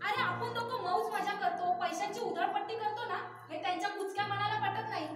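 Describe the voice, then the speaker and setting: A spoiled, nagging young wife with a very high, shrill voice, full of sarcasm, as a woman plays her on stage. She is heard from a distance, with heavy hall echo. Faint music sits underneath. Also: fairly quick. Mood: scolding. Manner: scolding, sarcastic. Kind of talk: village stage drama acting.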